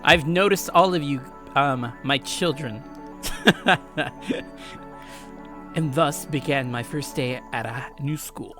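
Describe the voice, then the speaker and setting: A young man hosts a let's play, reading a visual novel aloud with irreverent, jokey, sweary casual commentary while game music plays behind him. His mid-range voice is pushed and bright, slow-paced, with long pauses.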